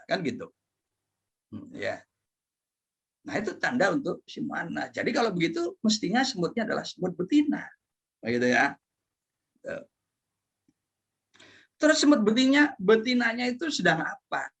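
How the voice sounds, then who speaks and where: Male professor, middle-aged; husky, very lively delivery, playful classroom lecturer. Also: a little high. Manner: animated and playful, asks and answers his own questions; drops in Arabic terms and Javanese phrases.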